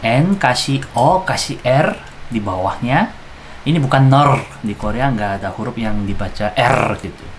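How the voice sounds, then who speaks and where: A teacher walks through Korean syllables one by one at a very unhurried pace. The delivery is casual and chatty, with careful spelled-out sounds. A faint background hiss sits under the voice. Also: medium pitch, expressive, low-quality recording. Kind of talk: casual lesson explaining song lyrics.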